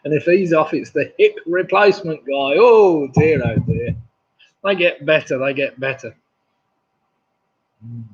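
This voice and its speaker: A man in his sixties with a fairly high, husky voice hosts a live online pub quiz from home, seated at his desk with a webcam mic. He speaks at a measured pace with long pauses, staying chatty and chuckling at viewers' jokes. The recording is dull and lo-fi.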